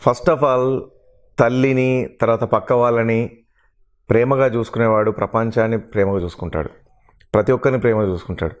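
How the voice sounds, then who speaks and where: A man's voice: mid-range voice, steady tone, fairly quick. A middle-aged man, a mimicry artist and actor, talking earnestly and with hurt feelings in an interview, listing the roles he has played. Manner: earnest, aggrieved, lists his roles at length. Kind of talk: emotional interview talk.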